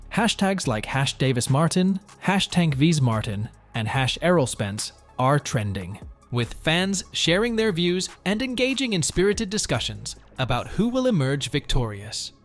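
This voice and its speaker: Scripted male news narrator over music. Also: on the high side.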